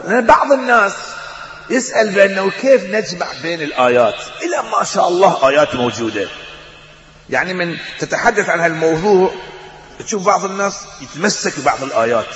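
Male preacher, higher voice, impassioned and rhetorical, lo-fi echoey hall recording. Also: big pitch swings, a bit bright, a little hiss or hum. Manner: impassioned, rhetorical questions, slow drawn-out recitation of verses. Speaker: Shia preacher. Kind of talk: sermon. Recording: echoey hall, dull lo-fi sound.

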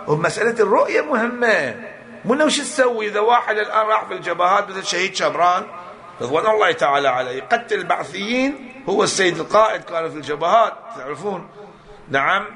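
A man's voice: high voice, pushed and bright. A man giving a religious lecture, emphatic, often asking and then answering his own rhetorical questions. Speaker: preacher.

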